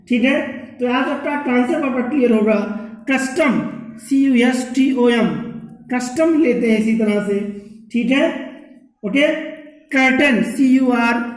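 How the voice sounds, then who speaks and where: A man's voice: very high-pitched, reverberant, rough recording. A man teaching an English pronunciation lesson, spelling words letter by letter and often checking in with "ठीक है".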